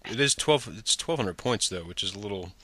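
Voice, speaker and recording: A man's voice: lowish voice, lively intonation, brisk, crowd noise. A man hosting a casual gaming podcast, talking in a laid-back, rambling way with frequent ums. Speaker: podcast host.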